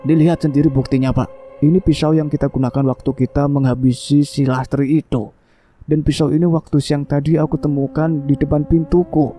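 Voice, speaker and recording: A man voicing a panicked young male religious teacher who hides a crime, talking urgently and shouting with a shaky voice. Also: a little high, flat delivery, fairly quick, pitched above the performer's own voice, close to an everyday voice. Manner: urgent, shouting, voice trembling with fear.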